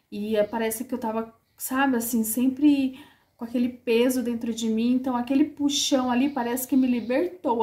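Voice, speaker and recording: Mother, fairly high mellow voice, heartfelt rambling storytelling, lots of fillers. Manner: heartfelt, repetitive, full of fillers. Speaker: mother telling her birth story. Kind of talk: casual personal storytelling.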